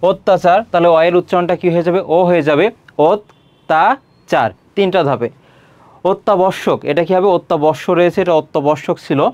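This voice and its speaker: A young man teaching an exam-prep grammar lesson, explaining step by step, quizzing students and often pausing on "ah" and clearing his throat. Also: sits high, steady tone, a little mellow, no echo, dull audio. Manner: frequent hesitant "ah" fillers and throat clearing.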